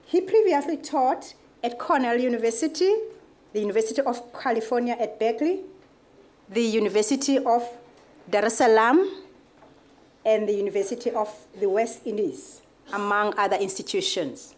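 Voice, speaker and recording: A woman with an African accent chairs a conference session. Her voice sits a little high, and she gives a formal introduction in careful, sometimes halting phrases. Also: a little mellow. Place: conference event before an audience.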